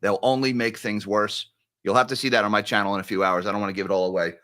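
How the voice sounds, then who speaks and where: A man's voice: lowish voice, little pitch movement, quick pace, a bit bright. Fiery ranting man on a live stream. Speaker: co-host, commentator. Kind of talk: heated live-stream commentary.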